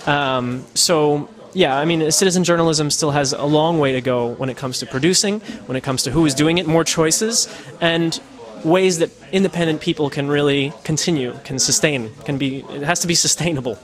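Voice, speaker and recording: An American man, a podcaster and citizen journalist, answers interview questions in the Netherlands. His voice is fairly high and moves at a normal speed with hardly any pauses. He sounds casual and thoughtful, with lots of fillers and restarts.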